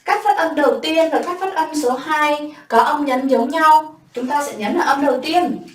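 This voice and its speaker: A woman English teacher giving a bilingual classroom vocabulary lesson, saying words slowly and clearly for pupils to repeat. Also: high voice, a bit bright, recorded from a distance, a little hiss or hum. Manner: slow drawn-out repetition of words for pupils to copy. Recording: echoey room, voice from afar.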